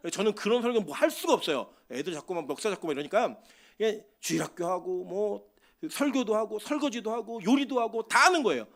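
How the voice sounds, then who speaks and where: Male pastor, middle-aged, high voice, very lively pitch, sermon from a church pulpit. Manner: animated, swings between loud exhortation and quiet asides.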